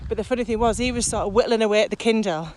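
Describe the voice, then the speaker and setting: On a village walk, a woman co-hosting a casual podcast explains ideas in conversation, talking very fast in a high voice with a darkish tone. Ambient outdoor noise fills the recording.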